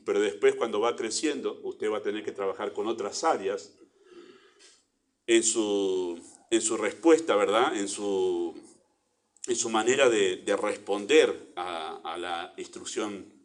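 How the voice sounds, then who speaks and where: A man with an Argentine Spanish accent delivers a sermon in a church. His voice sits a little low, and he preaches earnestly, swelling into emphatic bursts and then falling back to quiet asides. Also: unhurried. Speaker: pastor.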